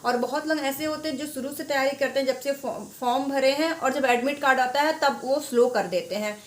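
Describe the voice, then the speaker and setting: A woman's voice: high voice, brisk, reverberant. A woman giving informal exam advice to students, chatty and repetitive, restarting her sentences often. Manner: chatty, repeats herself, many restarts. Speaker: exam preparation guide.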